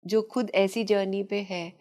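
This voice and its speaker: A woman's voice: medium pitch, fairly even intonation, unhurried, darkish tone. Woman explaining with storytelling ease. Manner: explains with stories, mixes in English phrases, laughs lightly. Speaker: past-life therapist, guest. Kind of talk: conversational podcast interview.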